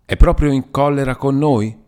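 A man's voice: medium pitch, steady tone, normal speed, warm tone, clear, resonant tone, pitched above the performer's own voice, close to an everyday voice. A man doing a tearful, pleading young girl. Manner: trembling, on the edge of tears. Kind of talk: audiobook character reading.

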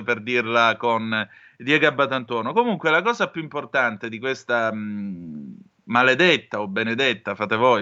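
A man's voice: mid-range voice, pushed and bright, highs cut off. A man from Calabria reading news aloud, then giving opinionated personal commentary and appealing directly to his listeners. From Calabria, southern Italy.

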